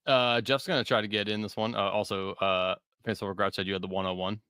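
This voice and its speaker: A podcast host runs a live-stream talk show, reading chat comments aloud with lots of "uh"s and frequent laughter in casual banter. His voice is lowish, fast, bright, smooth and forceful, yet level in tone. The sound is studio quality, with no room sound.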